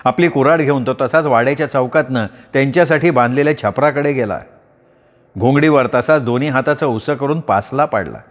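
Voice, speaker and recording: A male storyteller narrating a rural novel as an audiobook, with expressive, measured delivery. His voice sits at an ordinary mid pitch.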